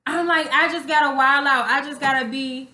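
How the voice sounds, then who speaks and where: This podcast co-host, a young woman, has a high-sitting, sharp voice with a steady tone and moderate pace. She talks frankly and informally about relationships, swearing a lot in an emphatic, slang-heavy style. The recording space echoes.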